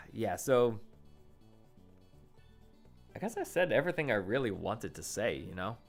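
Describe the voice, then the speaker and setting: A YouTuber in his late twenties rambles casually into a condenser studio mic for his vlog, correcting himself and using plenty of fillers. His voice is fairly low, sing-song and unhurried, with vocal fry. Soft music plays behind him.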